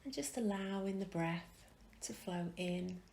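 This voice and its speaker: In a calm, soothing guided meditation, a woman speaks soft phrases that trail off into whispers, leaving long pauses. Her mid-range voice has vocal fry, and there's slight background noise.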